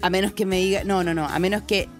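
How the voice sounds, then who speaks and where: Teasing Chilean woman with quick jokes. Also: medium pitch, steady tone, faint music behind. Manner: joking, teasing, quick retorts. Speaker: podcast co-host. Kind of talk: casual chat.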